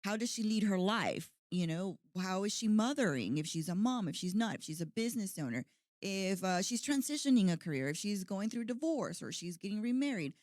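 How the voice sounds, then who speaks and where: A woman in her forties chats on her own podcast in an easygoing, earnest way, full of "like" and "you know". Her voice sits at an ordinary middle pitch. It is recorded close and dry, with no room sound. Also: animated, a little fast, a little mellow, no room sound. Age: 40s. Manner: chatty, lots of "like" and "you know". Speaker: podcast host. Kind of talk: casual podcast chat.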